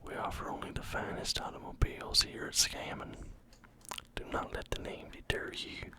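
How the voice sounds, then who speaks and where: An ASMR gamer whispering in a put-on Southern accent as a smooth used-car salesman, in whispered role-play. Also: normal speed, close to an everyday voice. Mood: smarmy. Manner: exaggerated folksy sales pitch.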